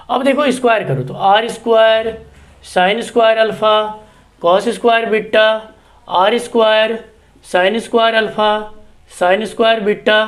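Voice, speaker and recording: A man teaching math, explaining a proof step by step. He talks patiently and keeps checking with the students as he goes. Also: sits high. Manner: patient, repeats checks like "see" and "okay".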